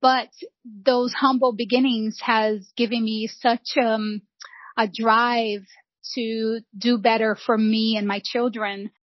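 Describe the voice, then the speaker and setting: A middle-aged Brazilian woman who founded a real estate business appears as a guest on an interview podcast, earnestly recounting her life story. Her voice is on the high side, level in tone and slow. The recording is dry, dull and lo-fi.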